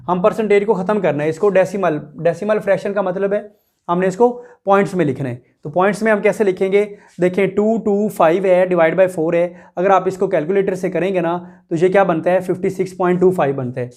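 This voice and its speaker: A man with a high-sitting, darkish voice teaches a math lesson, explaining each step as he works through the numbers. He speaks directly to his students, repeats numbers, and poses rhetorical questions.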